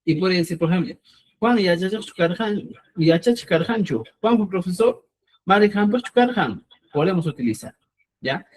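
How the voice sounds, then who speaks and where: Guy teaching grammar, high voice that bounces around a lot, keeps asking "ya?". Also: expressive. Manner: explains slowly, checks in with a frequent "¿ya?"; addresses listeners as "estimados amigos". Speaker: Quechua teacher. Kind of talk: online grammar lesson.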